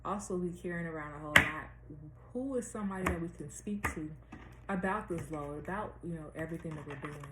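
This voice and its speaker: American woman speaking with a retainer, echoey room. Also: lowish voice. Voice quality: slightly lisped speech from wearing a dental retainer. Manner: slow, deliberate, repeats phrases for emphasis. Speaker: tarot reader and astrologer hosting a weekly series. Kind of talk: casual spiritual guidance chat to viewers. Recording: roomy echo with faint background noise.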